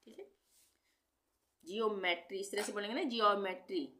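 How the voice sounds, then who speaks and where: A woman teaching English pronunciation rules, patiently repeating each example word slowly. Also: medium pitch, fairly even intonation, sharp tone. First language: Hindi. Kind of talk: explaining English spelling rules.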